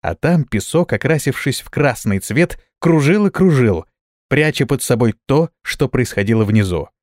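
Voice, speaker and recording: Expressive male audiobook narrator. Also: mid-range voice, moderate pace, no echo, clean studio sound.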